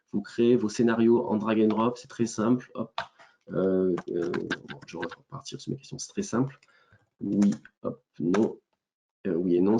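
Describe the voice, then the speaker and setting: A man with a southern French accent presenting a software demo in a webinar, talking hesitantly with many fillers and restarts. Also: lowish voice.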